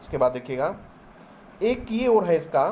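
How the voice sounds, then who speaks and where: A man's voice: a little high, very animated, moderate pace, a little mellow, a little hiss or hum. A man teaching English vocabulary, explaining each example in Hindi and spelling words out letter by letter. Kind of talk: vocabulary lesson.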